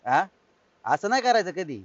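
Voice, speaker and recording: A preachy, lecturing elder. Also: male voice, high voice, sing-song, normal speed, no echo. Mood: stern. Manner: lecturing, asks for agreement. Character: preachy grown man scolding youngsters. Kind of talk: comic web film acting. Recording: dull, dry film sound.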